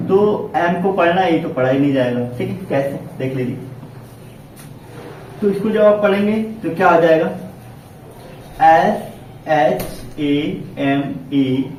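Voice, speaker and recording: A man teaches pronunciation to a class in a slightly high voice, checking in constantly and answering his own questions. He sounds far from the mic in a very echoey room. A faint hiss sits underneath. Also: darkish tone. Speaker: English teacher. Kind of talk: classroom lesson.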